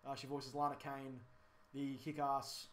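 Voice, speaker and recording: Young guy on a gaming podcast, normal pitch, lots of ums and restarts, just chatting. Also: completely flat delivery, unhurried, a little hiss or hum. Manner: rambling, with many ums and self-corrections. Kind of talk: casual chat.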